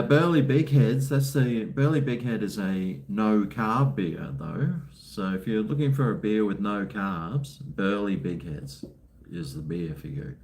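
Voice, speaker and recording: Laid-back Australian bloke chatting. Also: male voice, lowish voice, a little mellow. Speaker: live streamer. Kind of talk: casual live stream chat, responding to viewers.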